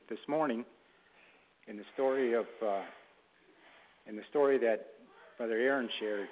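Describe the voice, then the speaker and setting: A man preaching a Mother's Day sermon in a halting way, with restarts and throat clearing, reading a story to his congregation. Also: mid-range voice. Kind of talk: sermon with a read-aloud story. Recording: tinny phone-like sound.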